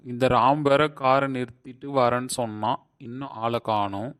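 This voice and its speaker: A man's voice: medium pitch, fairly even intonation, moderate pace, a bit bright, clear, resonant tone, close to an everyday voice. A man playing a middle-aged husband who makes teasing, wry remarks. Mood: worried.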